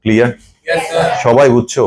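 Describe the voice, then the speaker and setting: A man's voice: mid-range voice, fairly even intonation, moderate pace, over a noisy crowd, low-quality recording. Male teacher quizzing a class. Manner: asks students questions often, mixes Bangla and English. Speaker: English teacher. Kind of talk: classroom grammar lesson.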